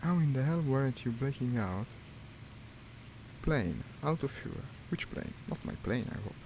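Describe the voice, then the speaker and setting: His intonation is lively, his pitch medium and his pace moderate as this gaming streamer flies a flight sim on stream. The commentary is wry and half self-directed, and the audio is noisy.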